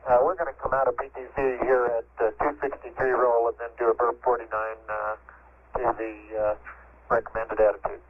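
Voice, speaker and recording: A man's voice: mid-range voice, little pitch movement, a little fast. A man on a spacecraft crew giving clipped technical callouts with hesitations, heard over a crackly, breaking-up spacecraft radio link. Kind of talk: mission radio communication. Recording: hissy lo-fi space radio transmission.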